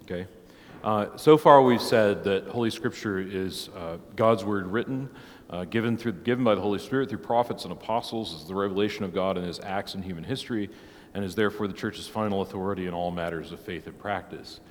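A man who preaches, teaching a church catechism class in a relaxed, conversational way, heard with a long church echo. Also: low voice, brisk. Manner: conversational, tags many points with "right?". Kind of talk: informal church class teaching, opening with prayer.

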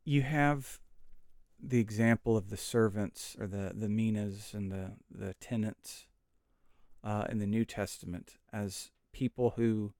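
A middle-aged man with a fairly low voice hosts a Bible study podcast. He talks in an easygoing, conversational way, drifting into asides and fillers. His voice sounds dry and close, with no room around it. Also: a little slow, no echo. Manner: relaxed, chatty, with fillers and asides. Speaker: podcast host.

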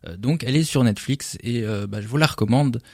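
A man's voice: medium pitch, a little fast, no echo, clean studio sound. A man presenting a TV series column on a radio show, chatty and self-mocking. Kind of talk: casual radio chat.

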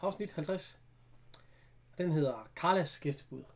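A man in casual conversation, eagerly retelling TV scenes and quoting characters, swearing offhandedly. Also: fairly high pitch. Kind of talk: casual chat retelling TV episodes.

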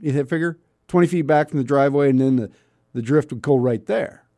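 A male talk radio host chats casually, grumbling wryly and throwing out rhetorical questions. His mid-range voice is mellow and brisk, and the sound is close and dry with no room sound.

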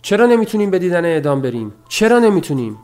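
A man voicing a fierce nine-year-old boy who shouts threats in an audiobook. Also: sits high, sing-song, voice pushed up. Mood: demanding.

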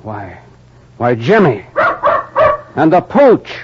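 A man's voice: medium pitch, sing-song, takes it slowly. An actor playing a blunt, slangy 1930s-style beat cop, a defensive father, in an old radio drama. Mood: moved. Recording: dull, noisy old radio recording.

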